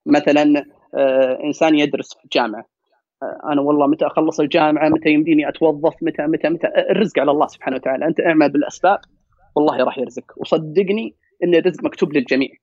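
Fast emphatic Saudi man. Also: a little high, fairly even intonation, a little mellow, no echo. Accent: Saudi Gulf Arabic. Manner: fast, emphatic, repeats words for stress. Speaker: podcast guest. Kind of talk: casual storytelling and advice. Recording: dry, dull lo-fi sound.

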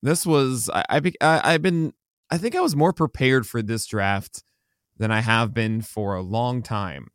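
A man co-hosting a podcast in casual chat, slightly hoarse, rambling and correcting himself as he goes. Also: mid-range voice, measured pace, fairly bright tone, no room sound, studio quality. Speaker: podcast co-host.

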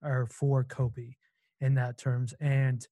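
A man hosts a casual sports talk in a mellow, fairly flat voice, asking long, rambling questions. The sound is close and dry. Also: mid-range voice, takes it slowly, dry recording.

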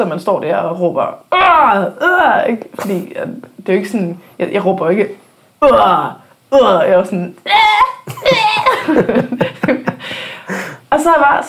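A woman hosting a podcast, talking candidly and with plenty of animation, swearing freely and acting out what people said. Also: mid-range voice. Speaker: podcast host. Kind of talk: casual conversation. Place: podcast studio.

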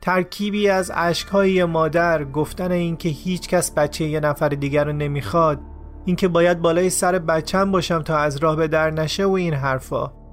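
A man narrating a true story in the first person for a podcast, in a calm, measured, reflective way. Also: on the high side. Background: faint music.

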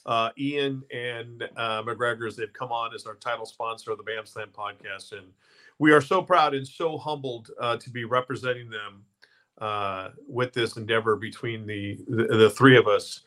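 Male podcast host, casual and chatty, stumbles and corrects himself, average pitch. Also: steady tone, moderate pace, fairly bright tone. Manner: chatty, promotes the sponsor with many fillers and self-corrections. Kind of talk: casual live-stream chat.

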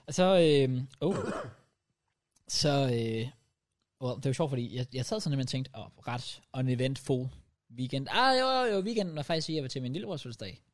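A young man on a podcast, telling a story in lively casual chat and dropping English slang into his speech. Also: medium pitch. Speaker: podcast co-host.

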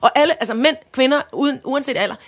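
A middle-aged woman, an actress co-hosting a podcast, talking emphatically and teasing her co-host in casual chat. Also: high-pitched. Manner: gushing, emphatic, playful teasing.

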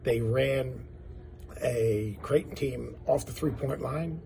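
Gravelly man giving sports analysis. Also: medium pitch, slow, noisy background. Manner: emphatic, repetitive build-up of points. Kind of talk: post-game basketball commentary.

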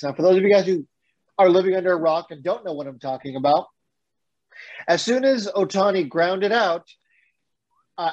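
A man's voice: on the high side, muffled recording. A man co-hosting a casual sports podcast, ranting with energy and the odd curse. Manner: animated, swears, rants. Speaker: podcast co-host.

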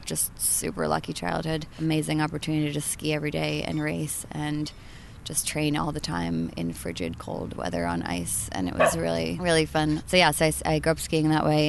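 A journalist in her thirties from Maine chats as an interview guest in a casual conversation, laughing often and trailing off into fillers. Her voice is low and creaky, with a little hiss or hum in the recording.

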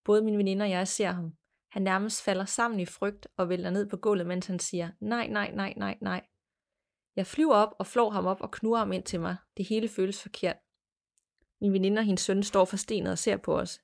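A woman hosting a podcast, reading a listener's ghost story aloud in a measured, plain storytelling manner. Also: mid-range voice, fairly even intonation. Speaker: podcast host.

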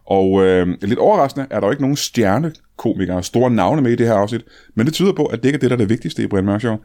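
A man hosting a comedy podcast, talking excitedly with many fillers. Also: lowish voice. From Denmark. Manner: fast, excited, full of fillers. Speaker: podcast host. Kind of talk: comedy podcast host, casual chat.

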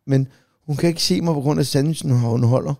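A man's voice: on the high side, creaky, a little mellow, dry recording, clean studio sound. A middle-aged man co-hosting a podcast, telling anecdotes in casual chat and laughing easily, checking in with "right?". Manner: laughing storyteller, repeats "ikke?". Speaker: podcast co-host.

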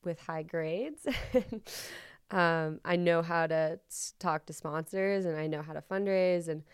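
A young woman, a ski racer hosting her own podcast, talks through her thoughts in a casual, rambling way with many likes and ums, and she is a little sick and hoarse. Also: deep voice, steady tone, unhurried, no room sound, studio quality. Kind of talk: casual reflective monologue.

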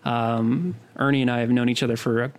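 A man's voice: mid-range voice, flat delivery, brisk. A young man co-hosting a podcast, talking in a rambling way with many fillers and restarts. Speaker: podcast co-host. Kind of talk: casual podcast chat.

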